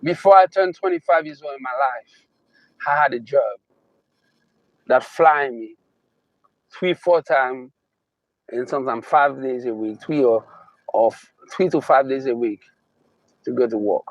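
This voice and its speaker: Slow, emphatic Haitian-accented man. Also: medium pitch, no room sound, highs cut off. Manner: emphatic, repeating phrases, slow drawn-out stresses. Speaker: motivational speaker. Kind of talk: motivational talk.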